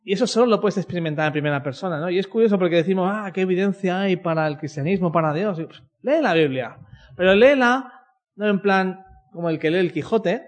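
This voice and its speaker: A man's voice: high voice, fast. A man from telling a personal faith story in a conversational way, often ending his sentences with a questioning "no?". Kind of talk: personal testimony talk.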